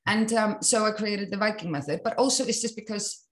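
A young Icelandic woman, a fitness and yoga coach, is a guest in a casual interview, speaking reflectively with many restarts and "like". Her voice is medium-pitched and fairly quick, with roomy echo in the recording.

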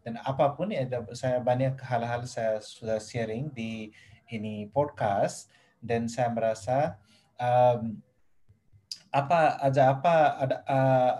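A man's voice: mid-range voice, slow, warm tone. Young male podcast guest, Nepali accent, foreigner speaking hesitant, learner-level Indonesian with English mixed in. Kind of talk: casual interview talk.

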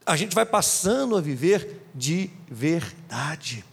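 Preaching with emphasis, a pastor speaks slowly in a high voice with big pitch swings, creaky and slightly rough, playing out little quotations along the way. Long, trailing reverb from the church hall follows his words.

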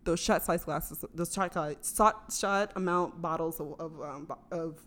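A woman with a slightly low voice talks through travel tips in an easygoing podcast chat. She explains things step by step, laughs often and keeps the talk loose and friendly. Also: unhurried, fairly bright tone. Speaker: podcast co-host.

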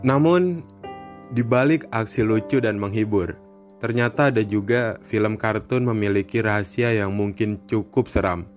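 A man hosting a horror podcast reads scripted narration in a lowish voice at a moderate pace. Background music plays as a bed behind his voice.

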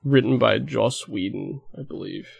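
A man's voice: mid-range voice, normal speed, creaky, breathy edge, dry recording, dull audio. A man co-hosting a casual podcast, rambling and laughing often, with casual swearing. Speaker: podcast co-host.

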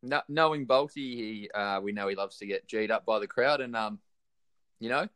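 Enthusiastic man, smooth voice. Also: fairly low pitch, normal speed, a bit bright. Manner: enthusiastic, filler-heavy. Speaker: guest fan. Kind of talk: casual chat.

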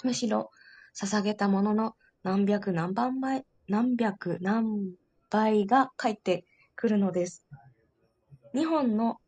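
A woman's voice: mid-range voice, takes it slowly, warm tone, slightly rough, highs cut off. A woman carefully and politely reading a devotional story aloud to listeners. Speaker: reader.

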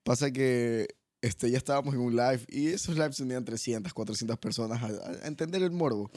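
A young man, a podcast guest telling animated, laughing stories in casual chat. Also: medium pitch, fairly quick, no echo, studio quality. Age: young adult. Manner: animated storytelling, laughs often.

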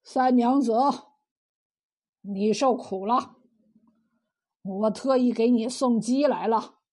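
A woman voicing a lecherous middle-aged male villain in a told story, speaking slowly in a wheedling, sleazy way. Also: a little high, fairly even intonation, warm tone. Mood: leering.

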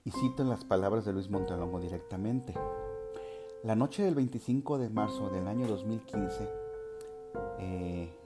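A middle-aged Mexican man with a Mexican Spanish accent, hosting a podcast and telling a story in a measured, formal way with occasional hesitations. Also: lowish voice. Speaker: podcast host. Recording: loud music under the voice.

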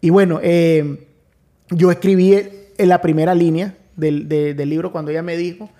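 Man, pastor guest, high mellow voice, earnest testimony storyteller. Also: fairly even intonation, normal speed. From Nicaragua. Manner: earnest storytelling, many restarts. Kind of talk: testimony in casual conversation.

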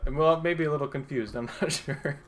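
A man's voice: on the high side, moderate pace. Rambling man running a role-play game. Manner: rambling, filler-heavy, laughs often. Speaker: game master. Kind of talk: narrating a tabletop role-play.

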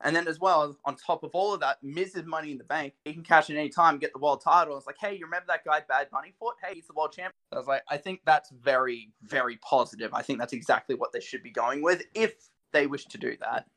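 Man, excitable podcast co-host, fairly high voice, animated. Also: a little fast, hardly any pauses. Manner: excitable, animated, laughs often. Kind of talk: casual wrestling chat.

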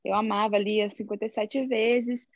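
A woman in her twenties from São Paulo co-hosting a casual podcast chat, talking in a playful, teasing way with quick laughs. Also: mid-range voice, level tone, dry recording, dull audio. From São Paulo, Brazil. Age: 20s. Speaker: podcast co-host.

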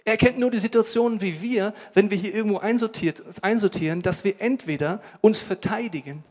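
Male preacher, high voice, lively casual storytelling, reverberant hall. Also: fairly quick. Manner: animated, colloquial storytelling with direct questions to listeners. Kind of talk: sermon, retelling a Bible story.

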